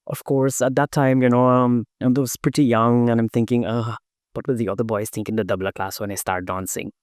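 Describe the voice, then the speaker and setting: As an interview guest, a middle-aged Guyanese dancer recounts his story in thoughtful, conversational answers, often using fillers and restarting. He speaks at a medium pitch, fairly evenly and a little fast, in clean studio audio with no room sound.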